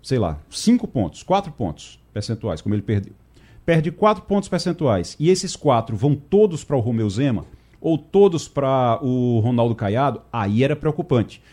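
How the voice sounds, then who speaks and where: A man's voice: medium pitch, sing-song, moderate pace, warm tone. A man hosting a radio political talk show, chatting and reacting to a correspondent. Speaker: radio host.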